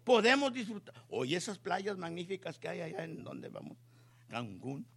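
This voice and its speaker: A man preaching a sermon with passion, swinging from soft appeals to loud exhortations. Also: sits high, very animated, moderate pace, creaky, breathy edge.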